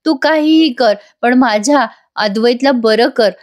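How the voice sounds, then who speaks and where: A desperate young wife pleads tearfully for her husband's recovery, as a woman reads her lines in a serial recap. Her voice sits a little high and the pleading never lets up. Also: measured pace, close to an everyday voice. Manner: pleading, emotional.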